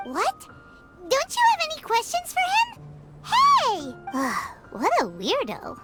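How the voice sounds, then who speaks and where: Super high squeaky lil fairy kid, excitable n blunt, game character, swoops all over. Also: female voice, takes it slowly, over music, full character voice. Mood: excited, then wary. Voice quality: squeaky, childlike. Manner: exclamatory, speaks of herself in third person. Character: small excitable floating fairy girl companion, childlike and blunt. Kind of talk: video game voice acting.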